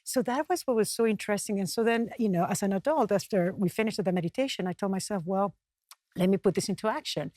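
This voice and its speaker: A woman from Peru, a guest author and mountaineer, speaking earnestly in a talk show interview and pausing to find her words. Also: mid-range voice, a little mellow, dry recording.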